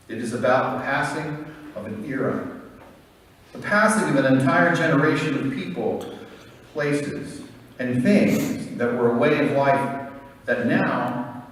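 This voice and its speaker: A middle-aged American man delivers a prepared eulogy as a son, in a solemn, measured storytelling manner. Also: medium pitch. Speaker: son giving a eulogy for his father. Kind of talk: prepared memorial speech. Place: large reverberant room. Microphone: distant microphone. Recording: echoey hall, distant mic, faint noise.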